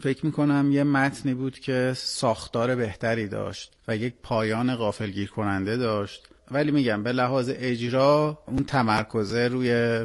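Contest judge: man, medium pitch, plenty of fry, informal critique. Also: steady tone.

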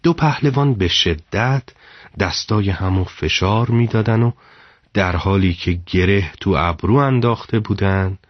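A man narrating a story in a measured, dramatic storytelling delivery. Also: low-pitched, no echo, dull audio.

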